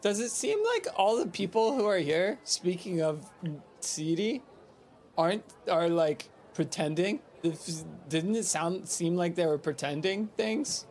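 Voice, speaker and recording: Jokey man player, rather high voice. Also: animated, a little slow, darkish tone. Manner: joking, rambling, repeats himself. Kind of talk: casual chat in a tabletop game.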